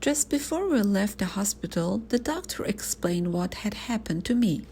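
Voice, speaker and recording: A woman reads a children's storybook aloud at a moderate pace with lively, swooping intonation. Her mid-pitched voice often drops into a creaky fry, and light but noticeable noise sits behind her expressive narration.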